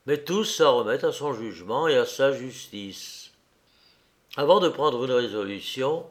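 Man reading an old tale out loud, real slow and deliberate, middle pitch. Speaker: narrator. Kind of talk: scripted storybook narration.

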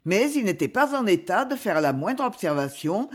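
A woman reading a chapter of a classic novel aloud in a measured, expressive storytelling manner. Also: mid-range voice, husky. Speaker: audiobook reader. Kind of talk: scripted narration of a novel.

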